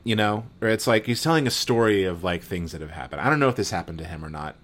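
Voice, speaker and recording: A man's voice: lowish voice, expressive, quick pace, fairly bright tone. A man co-hosting a podcast, talking casually and hesitantly, often trailing off. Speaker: podcast co-host.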